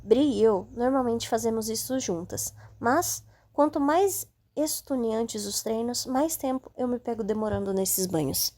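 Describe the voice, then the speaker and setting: Mellow woman narrating. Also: fairly high pitch, a little slow, hardly any pauses. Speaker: audiobook narrator. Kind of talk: first-person audiobook narration.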